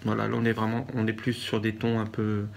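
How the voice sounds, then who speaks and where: A man from France with a French accent, chatting casually in a craft haul vlog and pausing often with fillers and restarts. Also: on the low side, completely flat delivery, creaky, a little hiss or hum. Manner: hesitant, many fillers and restarts. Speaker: vlogger.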